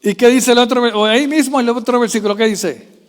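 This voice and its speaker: Very high-voiced guy preaching in church, keeps firing questions at the crowd, big echoey hall. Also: steady tone, fast. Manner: quizzes the congregation with constant questions; swings from soft low asides to loud raised passages. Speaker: pastor. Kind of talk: sermon.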